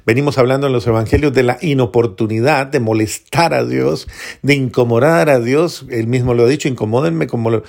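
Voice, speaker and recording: A man preaching a homily as a priest, earnest, repeating phrases for emphasis and dropping to soft prayerful tones. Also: medium pitch, steady tone, brisk, gravelly.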